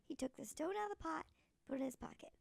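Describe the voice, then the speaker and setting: A woman narrating a storybook tale in a sweet old lady manner, with a deliberate read-aloud cadence. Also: high voice, animated, creaky, a little mellow, no room sound.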